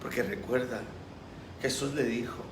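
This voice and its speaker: A man's voice: mid-range voice, steady tone, measured pace, noisy background. A pastor preaching a sermon with passion, acting out the voices he quotes. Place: church. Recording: roomy echo.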